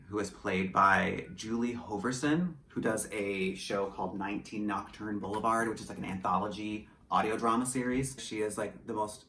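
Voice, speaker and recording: In a lowish voice that sounds pushed and bright, a rural Michigan man gives a candid, opinionated casual interview. He is an American audio drama writer and producer who also does drag, and his home studio recording sounds roomy, with a distant mic and a little background noise.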